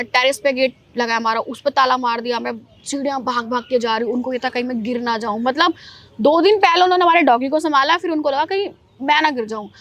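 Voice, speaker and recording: A young woman, a podcast guest, telling a personal ghost story in an animated, emphatic way. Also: sits high.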